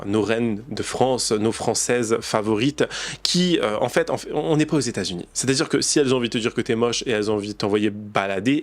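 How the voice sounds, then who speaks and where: A man doing indignant casual commentary for his channel. He rants and mocks, his voice sitting in an ordinary middle pitch. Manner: indignant, ranting, mimics accents. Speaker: YouTube commentator.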